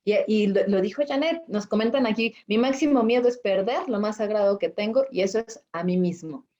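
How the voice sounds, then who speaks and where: A woman's voice: mid-range voice, a little fast, mellow, highs cut off. A woman life coach hosting a reflective spiritual conversation, explaining patiently and acting out quoted thoughts with a rising voice.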